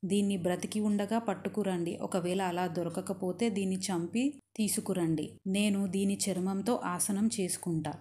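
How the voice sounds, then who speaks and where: A woman's voice: mid-range voice, steady tone, normal speed, warm tone, a little hiss or hum, natural voice. A woman reading as a passionate young queen. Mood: longing. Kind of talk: storytelling narration.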